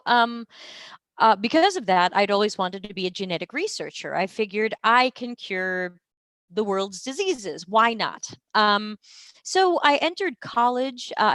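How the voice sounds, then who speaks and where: A woman's voice: medium pitch, fairly bright tone, no room sound. Chatty woman in her forties, dry close sound. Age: 40s. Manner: chatty, self-deprecating, lots of ums and uhs. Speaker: UX professional telling her story. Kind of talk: casual live-stream monologue.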